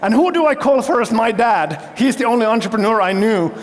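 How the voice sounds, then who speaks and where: High-voiced man giving a keynote. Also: animated, brisk. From Finland. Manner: engaging, quizzes the audience with show-of-hands questions. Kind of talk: stage keynote storytelling. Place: large festival hall stage. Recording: long hall reverb.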